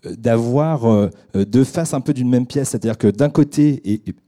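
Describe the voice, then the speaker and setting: A young man hosting a radio discussion, introducing his guests in a halting way with many fillers and restarts. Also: mid-range voice, mellow. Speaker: radio debate host. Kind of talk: hesitant unscripted introduction. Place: radio studio.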